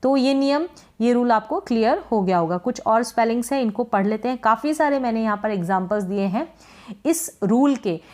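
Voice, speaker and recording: A woman's voice: a little high, animated, a little fast, darkish tone. A woman teaching English pronunciation. She asks short questions and answers them herself, repeating each word. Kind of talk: pronunciation lesson.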